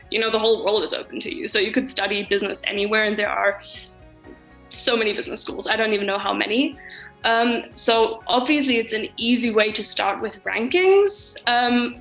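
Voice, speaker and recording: A woman in her twenties, a master's student from Finland and Germany, chats casually about her studies in an interview, using lots of "um" and "like." Her voice is fairly high and bright. The audio quality is poor.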